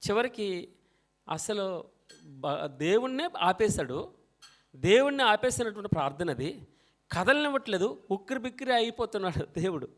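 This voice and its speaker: A man with a high-pitched voice preaches a sermon. He drops to quiet, low passages, then rises to loud, emphatic reading of scripture. He calls on the congregation to read each verse aloud with him. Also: big pitch swings, normal speed, pauses often.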